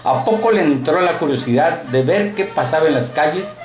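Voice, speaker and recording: A man reading a short story aloud in a steady, colloquial narrating manner, recorded in an echoey room. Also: fairly high pitch, normal speed, soft background music.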